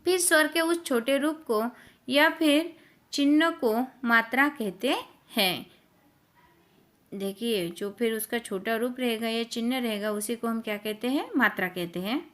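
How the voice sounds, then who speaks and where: A woman's voice: on the high side, a little slow, a bit bright. A woman teacher, giving a grammar lesson and explaining step by step. She asks each point as a question, then answers it herself.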